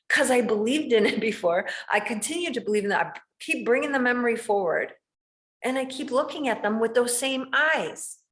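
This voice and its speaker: A woman hosting a casual spiritual talk, earnest and rambling, with many restarts and questions to the listener. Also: on the high side. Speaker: host.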